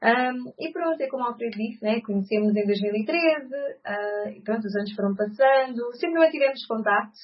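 A woman in her thirties with a European Portuguese accent, a guest answering interview questions with frequent pauses and fillers. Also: on the high side. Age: 30s. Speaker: guest, co-founder. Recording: slightly muffled recording.

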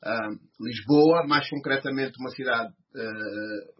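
A man in his thirties with a European Portuguese accent answers interview questions as a podcast guest, speaking slowly at medium pitch. He's hesitant, with lots of fillers and restarts, and the recording sounds slightly muffled.

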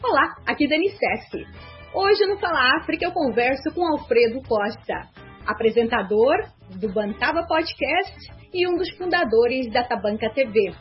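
A woman with a Brazilian Portuguese accent, hosting a radio interview and introducing her guests in a friendly, clear manner. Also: a little high. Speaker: interviewer, host. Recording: muffled recording with faint music.

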